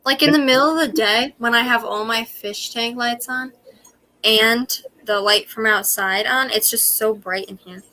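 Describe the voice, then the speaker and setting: A woman's voice: fairly high pitch, measured pace, sharp tone. A young woman hosting a casual livestream, enthusiastic and reading viewer comments aloud. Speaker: host.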